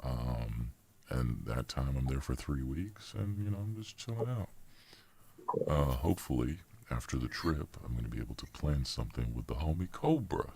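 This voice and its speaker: A man hosting a casual podcast chat, his voice run through a voice changer that shifts it very deep. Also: moderate pace, vocal fry, slightly rough. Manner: relaxed, slangy, swears when flustered. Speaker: podcast host.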